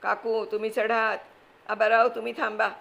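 A woman voicing a brisk young man who gives quick, reassuring orders and mixes in English words, read from a storybook. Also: fairly high pitch, little pitch movement, vocal fry, fairly bright tone. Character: brisk young man rescuing people by car. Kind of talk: storybook reading.

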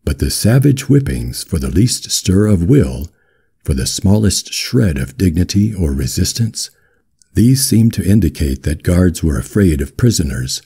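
Deep, firm, husky male audiobook reader. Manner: calm, deep, firm delivery. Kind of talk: audiobook narration of a literary novel.

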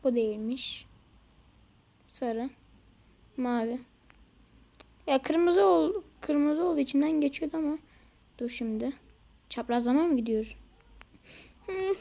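A woman's voice: high-pitched, animated, unhurried, creaky, long pauses, mellow. A young woman talking through a game she is playing, muttering in frustration and making playful sound effects. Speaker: gaming video creator. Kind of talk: casual gameplay commentary.

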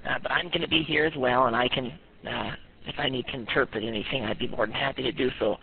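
A man's voice: medium pitch, brisk, gravelly. A man playing a doting elderly grandmother who rambles and calls people dear, heard over a phone line. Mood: sugary. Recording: tinny noisy phone line.

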